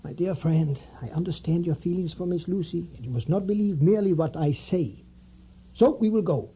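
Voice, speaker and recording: An actor playing an elderly, insistent vampire-hunting professor in an audio drama, speaking measured, formal, oddly phrased English. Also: male voice, on the high side, dark tone, slightly rough, highs cut off.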